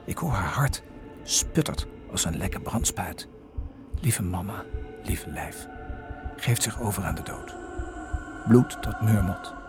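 A man giving hushed, fragmented first-person narration for a radio drama. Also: fairly low pitch, animated. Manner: hushed, fragmented, halting phrases. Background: music.

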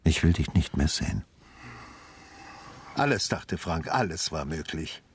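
Here a man performs a full character voice as a sardonic, brooding ex-homicide detective, narrating a literary radio drama in measured inner monologue. The low, husky voice takes on a sing-song lilt, and slight hiss or hum sits beneath it.

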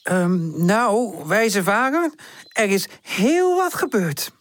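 A woman's voice: sing-song, slow, no room sound. A woman voicing a caring, motherly aunt in a children's storybook. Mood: soothing. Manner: warm exclaiming, raised pitch. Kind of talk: storybook character voice.

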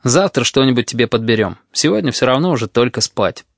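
A man reading aloud, voicing a calm, practical teenage boy in a matter-of-fact way. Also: medium pitch, fairly quick, creaky, no room sound, studio quality.

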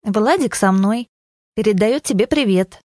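A woman voicing a kind young aunt who speaks gently and reassuringly in an audiobook. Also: medium pitch, animated, unhurried, no room sound, studio quality, close to an everyday voice. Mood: gentle.

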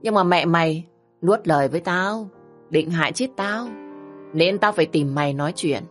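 A woman's voice: fairly low pitch, moderate pace, faint music behind, lightly acted. A woman voicing a mocking middle-aged male kidnapper who taunts and threatens bluntly, as a storybook figure. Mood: sneering.

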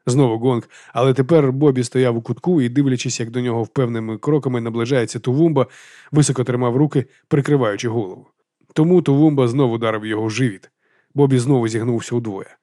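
Brief: male audiobook narrator, mid pitch, steady reading, very dry studio sound. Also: fast talker, dry recording.

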